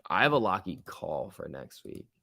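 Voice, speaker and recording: Man, livestream trading host, forceful bright voice, casual slangy market commentary, chummy with viewers, dry close sound. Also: low-pitched, very animated, normal speed, creaky, no echo. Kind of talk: casual off-the-cuff live market commentary, reading and answering chat.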